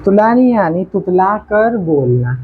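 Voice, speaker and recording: A woman teacher slowly explaining poetry lines to students, repeating words and their meanings. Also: medium pitch, very animated, a little hiss or hum. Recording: dull lo-fi classroom recording.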